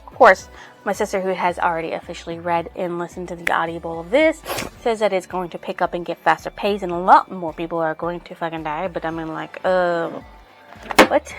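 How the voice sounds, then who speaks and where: A woman reviewing a novel in casual chat, rambling with many fillers and swearing freely. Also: fairly low pitch. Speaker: book reviewer.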